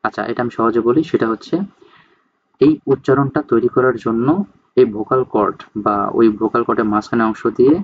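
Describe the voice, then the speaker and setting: A male teacher gives a casual spoken lecture. He keeps checking in with his students and reads terms slowly before explaining them. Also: mid-range voice, steady tone, dull audio, a little hiss or hum. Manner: explains slowly, often checks in with "ঠিক আছে?".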